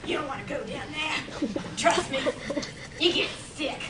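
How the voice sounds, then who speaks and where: Heard from a camera at the back of a performance room, a woman performs a theatrical monologue as a high-voiced old lady, embarrassed and reluctant as she recalls her youth. She's halting, blunt and quick to fluster, with a disgusted, dismissive mood, and the distant mic picks up hall echo and camera noise.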